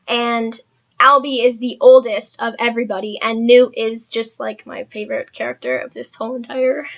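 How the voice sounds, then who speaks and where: A woman's voice: a little high, fairly bright tone. A young woman chatting casually through a book review, rambling with lots of filler words. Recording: dull lo-fi recording.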